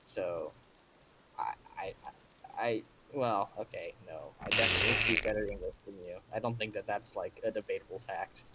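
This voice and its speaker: A man talking quickly as a guest on a live stream, his sentences trailing off softly. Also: lowish voice, very noisy. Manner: talks fast, trailing off softly. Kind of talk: casual chat.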